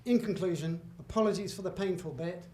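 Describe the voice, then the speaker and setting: A man's voice: high-pitched, fairly quick, warm tone. A middle-aged man giving a public lecture with slides, talking in a conversational, emphatic way with asides and self-corrections. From Britain. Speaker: guest lecturer. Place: lecture hall. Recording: echoey hall, faint room noise.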